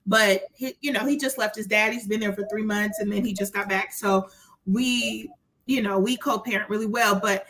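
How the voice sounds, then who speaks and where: A woman's voice: mid-range voice, fairly even intonation, normal speed, fairly bright tone, slight background noise, rough recording. A woman from Arkansas, a guest in a candid conversation, speaking reflectively and hesitantly with many fillers.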